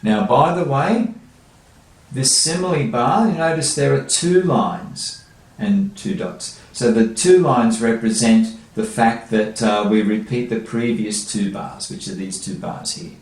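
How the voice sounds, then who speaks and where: A man's voice: mid-range voice, lively intonation, measured pace. A man teaching a children's guitar lesson, explaining each step patiently. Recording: echoey room, faint guitar music.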